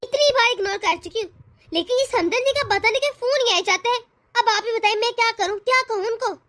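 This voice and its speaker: A woman's voice: extremely high pitch, fast talker. A woman voicing a harsh, scolding middle-aged mother-in-law in a cartoon. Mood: scornful. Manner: sharp, contemptuous. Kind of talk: cartoon voice acting.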